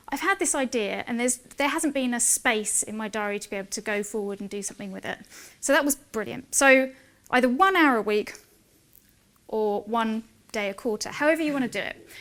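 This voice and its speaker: A woman in her forties giving a lively conference talk, chatty and self-mocking, acting out dialogue in her stories. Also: a little high, fairly quick. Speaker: conference speaker.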